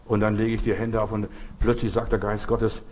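An older male pastor preaching a sermon, telling a personal story in an animated way and speaking directly to the listener. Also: lowish voice, fairly quick, slight background noise.

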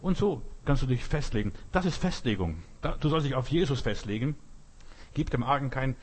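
A man's voice: medium pitch, expressive, a little fast, darkish tone, breathy edge. An older man preaching a casual sermon who keeps checking in with his listeners and tells stories from his own life. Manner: informal preaching, often asks "verstehst?", tells personal stories.

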